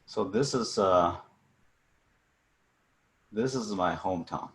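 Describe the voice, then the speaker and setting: Slow, deep-voiced man with a Chinese accent. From China. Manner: halting, many fillers and restarts. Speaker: guest speaker. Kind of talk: seminar talk over video call. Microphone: video call.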